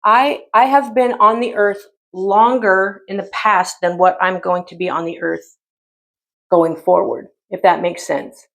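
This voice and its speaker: A woman in her mid-fifties chatting casually through a makeup tutorial, rambling with many pauses and fillers. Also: mid-range voice, fairly even intonation, gravelly. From United States. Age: 50s. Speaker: beauty vlogger.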